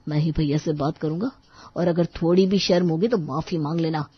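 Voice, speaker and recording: A woman's voice: low-pitched, steady tone, fairly quick, slightly rough, no room sound. A woman voicing a worried, grumbling young husband who runs a tea stall in a cartoon, scolding his wife. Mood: angry. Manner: scolding, complaining. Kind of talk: cartoon voice acting. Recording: dull dry studio voice-over.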